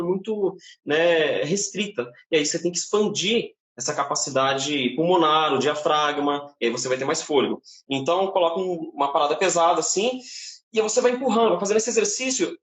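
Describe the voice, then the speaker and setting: A man with a Brazilian Portuguese accent giving a casual live-stream singing lesson from home, explaining in a relaxed way with frequent tag questions. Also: high voice, echoey room. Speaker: singing teacher. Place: home, indoors.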